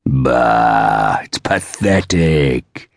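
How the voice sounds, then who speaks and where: Male narrator performing a gruff, deep-voiced, middle-aged anarchist, scornful and forceful, very low. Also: lively intonation, drawn-out words, no echo, studio quality, exaggerated voice. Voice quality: deep rumbling. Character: big middle-aged boozy anarchist ex-punk man.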